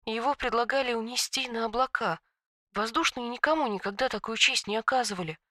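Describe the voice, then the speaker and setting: A woman voicing a grieving female dragon who speaks in hushed, tearful, theatrical tones. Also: medium pitch, moderate pace, no room sound, studio quality, natural voice.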